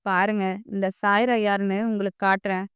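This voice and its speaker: A woman's voice: medium pitch, level tone, a little fast, clean tone, dry recording, studio quality, voice pushed down, natural voice. Woman reading as a spiteful scheming teenage girl. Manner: snapping, accusing, scheming. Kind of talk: audiobook character voice.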